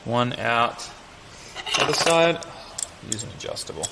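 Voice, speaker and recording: A man mutters his way through a job in the easygoing, slangy manner of a tradesman. His voice sits at a middling pitch. Metallic clinking and workshop noise are clearly heard around him. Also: measured pace. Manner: laid-back blokey tradesman, slangy, talking to himself. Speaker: mechanic vlogger. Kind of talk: casual muttered commentary while working. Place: car workshop.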